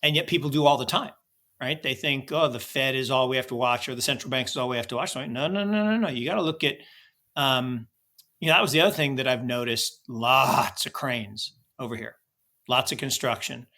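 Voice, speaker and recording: Speaking fairly quickly, this American man co-hosts a podcast and talks about markets and travel in a casual, animated way, often starting his sentences over. His medium-pitched voice is bright and forceful.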